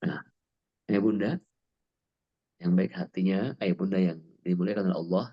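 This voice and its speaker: A man's voice: deep voice, steady tone, moderate pace, breathy edge. Man, parenting coach, emphatic seminar talk, asks and answers his own questions, dull lo-fi recording. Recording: dull lo-fi sound.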